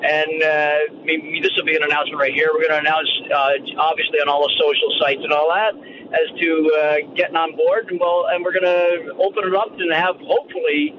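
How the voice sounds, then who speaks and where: A middle-aged man phones in from the road, his fairly high voice boxed in and tinny as if he were inside a metal tank. The line is dull and narrow, with a steady hum of road noise behind him. He talks in a chatty, teasing way, full of mock complaints. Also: a little fast. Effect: tinny, muffled sound as if inside a metal tank, over a phone line. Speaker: radio co-host calling in. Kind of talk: casual radio banter. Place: car on the road.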